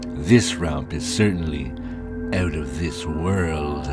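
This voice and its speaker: A man's voice: extremely low pitch, takes it slowly. A man playing a vain, theatrical horror host and faded film star in scripted comedy. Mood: pompous, promotional. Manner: theatrical, pun-loving showmanship. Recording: prominent music behind.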